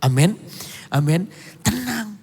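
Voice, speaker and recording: A middle-aged man from Indonesia delivers a sermon as a storytelling pastor, his voice high and gravelly. It rings with a long hall reverb. Soft music plays behind him. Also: very animated, slow. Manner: storytelling, bursts into song and shouts.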